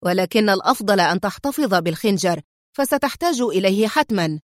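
A woman voicing a menacing male crime boss who speaks in a cold, stern, deliberate way. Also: medium pitch, lively intonation, no room sound, clean studio sound, close to an everyday voice. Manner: stern, slow and icy.

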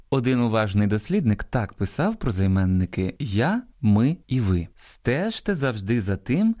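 Give me a man with a warm, lively voice presenting a radio language lesson. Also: medium pitch. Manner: explanatory, measured, stressing example words. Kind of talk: scripted radio talk on language. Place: radio studio.

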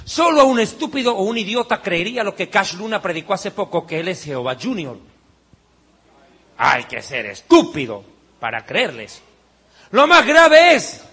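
Brief: male preacher, high and husky, scornful and fiery, bursts into shouts. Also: very animated, normal speed. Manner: mocking, heated preaching with sudden shouts. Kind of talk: sermon.

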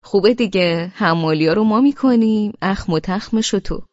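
A woman reading an audiobook and voicing a teasing young man who speaks in loud, mocking banter, raised above her usual voice. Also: medium pitch, dry recording, muffled recording, voice pushed up, close to an everyday voice.

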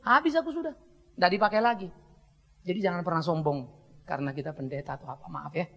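A middle-aged man preaching a sermon as pastor, blunt and joking, swinging between soft asides and loud scolding. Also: high-pitched, quick pace, vocal fry.

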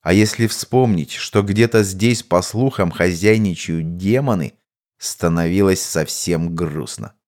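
Low-voiced man narrating an audiobook. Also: measured pace, a little mellow.

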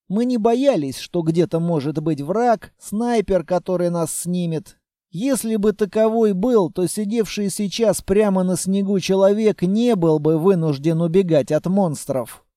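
A man narrating a first-person adventure audiobook in a calm, even storytelling manner. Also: sits high, no echo, clean studio sound.

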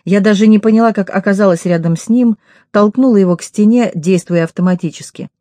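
A woman's voice: medium pitch, brisk, mellow, no echo. Woman reading a first-person novel. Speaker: audiobook reader. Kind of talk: first-person audiobook narration.

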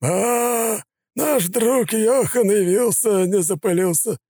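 A man voicing a fat, sneering gangster boss with a high, drawling, taunting voice. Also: takes it slowly, dark tone, husky, no echo, clean studio sound, exaggerated voice. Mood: mocking.

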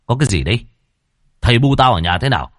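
A man's voice: mid-range voice, big pitch swings, fast, no echo, clean studio sound, natural voice. A man voicing an arrogant, dissolute young master who speaks curtly and dismissively. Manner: curt, lazy, dismissive.

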